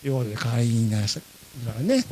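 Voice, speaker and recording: A man's voice: medium pitch, fast talker, slightly rough. A man with a Kansai accent, hosting a podcast and animatedly telling a travel story, acting out the lines of the people in it. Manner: animated, acts out his own and others' lines. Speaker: podcast host. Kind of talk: casual storytelling chat.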